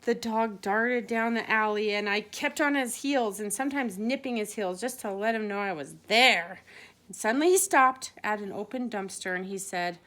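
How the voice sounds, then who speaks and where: A woman's voice: mid-range voice, normal speed, a bit bright. A woman telling a playful improvised story to a child, laughing often as she goes.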